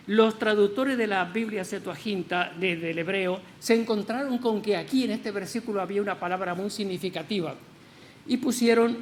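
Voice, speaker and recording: A man's voice: sits high, slight background noise. A man preaching in church, explaining scripture with many rhetorical questions and stressed words. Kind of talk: sermon.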